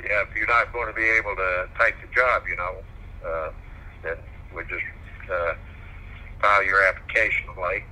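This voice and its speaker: A man's voice: low voice, fairly even intonation, moderate pace, long pauses. A man answering a phone call at work, speaking in short, hesitant replies. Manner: terse, hesitant. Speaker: museum worker answering the phone. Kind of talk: phone conversation. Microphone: telephone. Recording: noisy, sharp telephone line.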